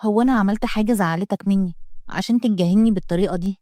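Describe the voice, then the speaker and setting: A woman's voice: medium pitch, racing, warm tone, no room sound, studio quality, natural voice. A woman voicing a spirited young working woman with an Egyptian accent, questioning indignantly in a story reading. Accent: Egyptian Arabic. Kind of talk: storytelling read-aloud.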